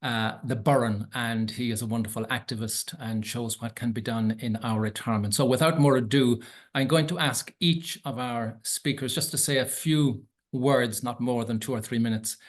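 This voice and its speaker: Irish man, earnest webinar host, steady mid-pitched voice, measured pace. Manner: measured, earnest, with occasional ums. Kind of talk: hosting a bilingual webinar.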